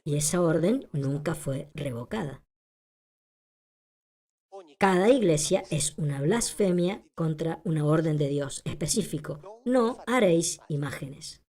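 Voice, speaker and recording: A woman's voice: sits low, a little slow, dark tone. A woman giving a translated lecture as a voice-over. She is emphatic and rhetorical, repeats her points and asks the audience questions.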